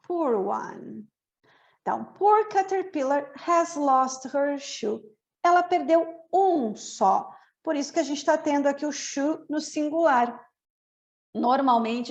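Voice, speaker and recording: A high-pitched woman gives an English lesson at an unhurried pace. She explains patiently, repeating and spelling out each word for her students. Her colors the English words she drills. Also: a little mellow. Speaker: English teacher.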